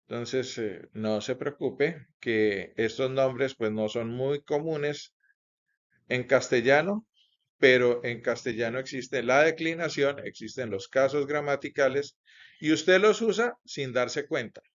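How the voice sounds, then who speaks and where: A man teaching a grammar lesson, explaining slowly and carefully, with many small connecting words. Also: mid-range voice. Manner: slow, careful explaining with frequent "pues" and "entonces". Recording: dull lo-fi recording.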